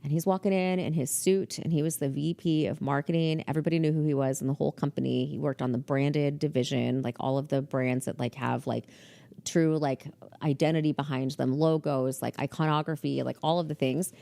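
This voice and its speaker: A woman hosting a podcast, telling a story in a casual, chatty monologue full of "like" fillers and animated quoting. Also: low voice, fairly quick, gravelly. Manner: chatty, heavy use of "like" fillers; animated, quotes people in character. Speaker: podcast host.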